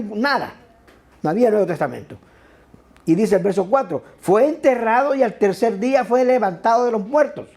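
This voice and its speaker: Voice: medium pitch, mellow, breathy edge. A pastor giving a sermon in a conversational way, checking in with tag questions and repeating words for emphasis.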